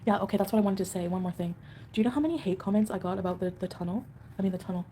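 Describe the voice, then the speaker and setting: A woman hosting a home livestream chats with viewers very fast, rambling from point to point as she reads comments and turns defensive about them. Her voice is mellow and middle-pitched, with a faint hiss staying low beneath it.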